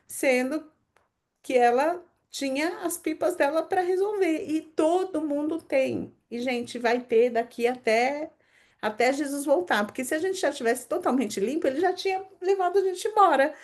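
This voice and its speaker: A Brazilian woman with a fairly high voice leads a devotional conversation. She tells personal stories in an animated way, pressing on key words and slipping in quick asides. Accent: Brazilian Portuguese. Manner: lively storyteller, animated emphasis, quick asides. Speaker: host of a daily devotional.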